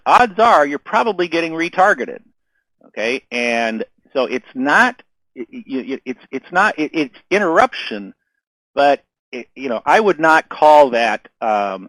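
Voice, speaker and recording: A man with a slightly high, somewhat bright voice presents a casual online marketing webinar and answers questions. He's losing his voice and coughs now and then, using lots of fillers and repeated words. The recording is rough, with no echo.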